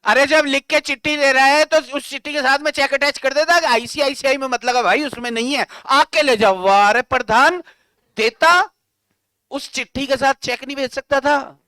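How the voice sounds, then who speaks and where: A male law teacher lecturing a class in a lively, teasing manner, scolding students with coarse slang. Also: very high-pitched, normal speed, dry recording.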